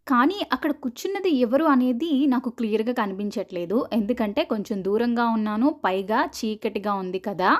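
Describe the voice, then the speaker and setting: A woman telling a horror story in the first person, in a steady, measured storytelling voice. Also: fairly high pitch.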